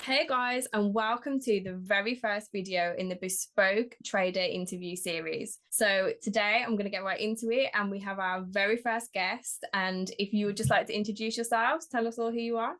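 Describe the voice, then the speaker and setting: A woman hosting an interview, upbeat and quick to laugh along with her guest. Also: medium pitch, fairly even intonation, a bit bright. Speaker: interview host.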